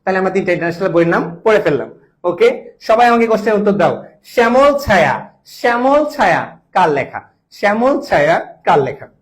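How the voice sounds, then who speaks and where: A man's voice: high voice, sing-song, fairly quick. A young man teaching an online exam-prep class, joking and quizzing students with mnemonics. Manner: playful, jokey mnemonics and call-and-response questions. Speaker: medical admission tutor.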